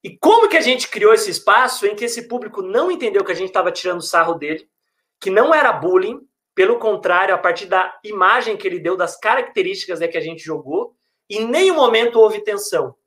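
A man who works as a hospital clown and researcher, talking in a casual, animated, slangy way. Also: high-pitched, fairly quick. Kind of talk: casual conversation.

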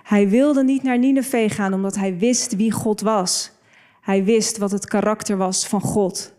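Slow, deliberate woman preaching a sermon. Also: medium pitch, fairly even intonation, dark tone. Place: church stage.

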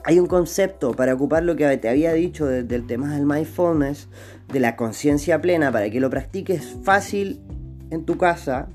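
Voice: medium pitch, normal speed, darkish tone, faint music behind. A speaker with a Chilean Spanish accent giving a motivational talk, posing rhetorical questions, answering them, and repeating phrases for emphasis.

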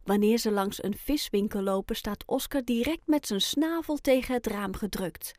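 A woman reading a children's storybook aloud, with gentle, lively storytelling and clear phrasing. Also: on the high side, normal speed, no echo, clean studio sound. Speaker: audiobook reader.

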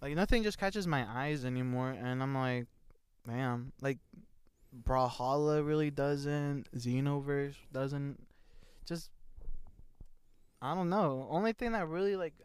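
A man's voice: mid-range voice, measured pace, clear, resonant tone, dry recording. A young man co-hosting a podcast, chatting casually and laughing often as he rambles. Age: young adult. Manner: laughs often, loose rambling talk with many fillers. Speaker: podcast co-host.

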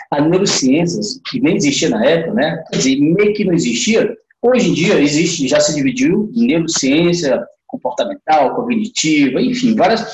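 A man's voice: fairly high pitch, darkish tone, reverberant, a little hiss or hum, rough recording. A man giving a casual live lesson, talking straight to his viewers with lots of fillers. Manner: chatty, talks straight to viewers with many fillers. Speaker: teacher on a live class.

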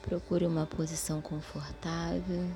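Slow, soothing woman leading meditation. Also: on the low side, little pitch movement. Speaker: guided meditation leader. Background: soft music.

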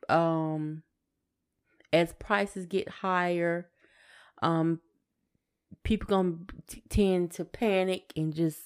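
Her pitch fairly low and her intonation mostly even, a female podcast co-host converses plainly and casually. She speaks slowly and smoothly, pausing often and circling back to short phrases.

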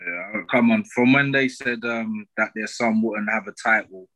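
A man's voice: on the low side, measured pace, noisy background. A man with an urban London street accent, arguing his opinions in casual roadman slang with emphatic rhetorical questions, as a podcast co-host.

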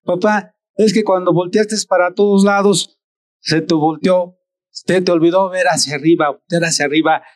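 Un hombre que hace la voz de un niño pequeño que advierte a su padre, con tono serio y suplicante. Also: male voice, sits high, steady tone, moderate pace, no room sound, clean studio sound, close to an everyday voice. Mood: earnest. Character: little boy warning his father.

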